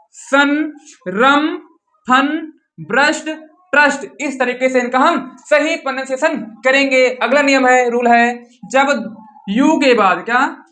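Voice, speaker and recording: A man's voice: extremely high pitch, a bit bright. A male teacher with a Hindi accent giving an English pronunciation lesson, repeatedly asking his students questions and answering them himself.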